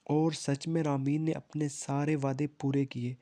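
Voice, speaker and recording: A man narrating a first-person story in a steady, even reading style. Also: fairly high pitch.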